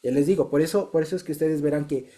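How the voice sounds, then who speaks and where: A man's voice: on the high side, fast talker, warm tone. A man sharing a personal testimony in a small Bible study group, chatty and repeating himself, often checking that listeners follow.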